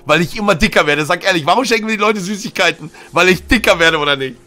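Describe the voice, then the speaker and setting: A man streaming, who reads a story aloud and chats casually, talking loudly and boisterously and breaking into shouts. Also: high voice, quick pace. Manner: loud, boisterous, bursts into shouts. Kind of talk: reading a story aloud, then casual chat.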